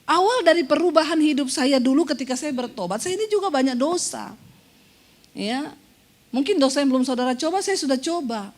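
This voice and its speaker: A woman pastor with a high voice preaches a lively sermon. She teases her listeners and acts out the voices she quotes. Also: brisk. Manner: playful, teasing the congregation, acts out quoted voices.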